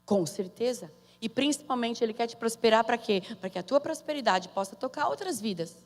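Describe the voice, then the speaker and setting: A woman's voice: fairly high pitch, animated, a little fast. A woman with a Brazilian Portuguese accent preaching a sermon in a conversational way, calling out to her listeners. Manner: conversational, calls to the audience for amen. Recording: long hall reverb.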